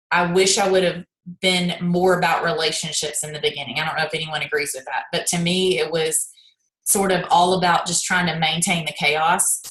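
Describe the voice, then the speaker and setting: A woman's voice: on the low side, fairly bright tone. Chatty woman coaching on an echoey call. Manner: chatty, acts out dialogue, many fillers. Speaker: team leader on a video call. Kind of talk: casual coaching talk. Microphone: video call.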